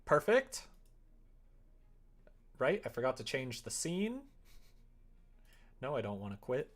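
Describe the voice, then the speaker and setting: This live streamer codes his visual novel and chats casually, half to himself, in a wry, muttering way as he thinks aloud. He speaks slowly in a sing-song, mid-range voice.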